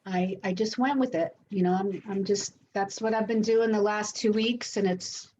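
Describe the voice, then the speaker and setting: A woman's voice: mid-range voice, steady tone, normal speed, darkish tone, lo-fi sound, slight background noise. A woman with a Boston accent hosting an online coaching talk, reflective and searching for her words. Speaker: host and coach. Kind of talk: online lunch-and-learn talk.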